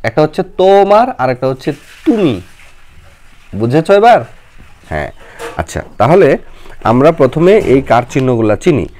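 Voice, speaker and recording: Woman teacher, very deep, lively intonation, patient and coaxing. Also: moderate pace, pauses often. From Bangladesh. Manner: patient, coaxing, explains step by step. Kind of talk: children's lesson.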